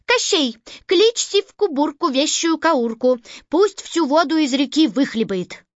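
A nosy female swamp creature, as a woman puts her on chatters in a high, sing-song voice. The recording is dry and dull. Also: animated, unhurried, no room sound. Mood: eager.

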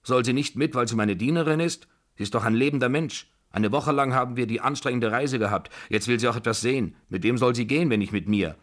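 A man's voice: medium pitch, fast talker, pitched above the performer's own voice, natural voice. A man reading aloud and voicing a domineering 75-year-old grandmother who scolds and gives orders. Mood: commanding. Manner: bossy, scolding, loud and commanding. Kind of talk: radio drama reading.

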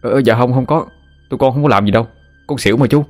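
A flustered young villager who keeps insisting he tells the truth, speaking a little faster and higher when pressed, as a male storyteller voices him. He, with faint music underneath. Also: a little mellow, close to an everyday voice. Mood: earnest. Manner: anxious, pleading explanations. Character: young man, flustered and earnest. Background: faint background music.

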